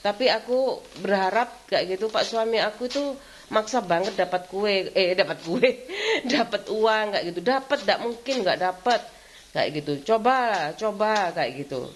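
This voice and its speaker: This is a middle-aged woman, chatting casually for her vlog at a middle pitch. She rambles from one thought to the next, laughing often and returning again and again to the same filler phrase. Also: lively intonation, moderate pace, a little hiss or hum. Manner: rambling, frequent laughter, repeats "kayak gitu". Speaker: vlogger.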